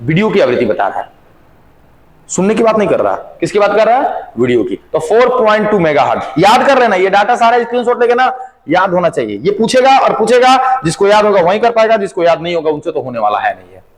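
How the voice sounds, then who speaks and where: A young male physics teacher giving a lively lesson, often asking questions and answering them himself, with playful asides. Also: high-pitched, fast, roomy sound, rough recording. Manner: playful, asks and answers his own questions, acts out little skits. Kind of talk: lively classroom-style lesson.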